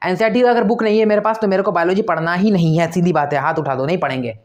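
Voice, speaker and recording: Fast-talking man giving pushy study advice. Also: sits high, darkish tone, muffled recording. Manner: emphatic, repeats points, asks rhetorical questions. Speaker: exam-prep teacher. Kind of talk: motivational study advice to students.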